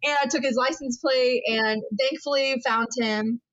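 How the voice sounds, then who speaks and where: A woman's voice: high voice, steady tone, a little slow, fairly bright tone, highs cut off. A young woman co-hosting a podcast, telling a story animatedly with lots of swearing. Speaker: podcast co-host. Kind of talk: casual chat.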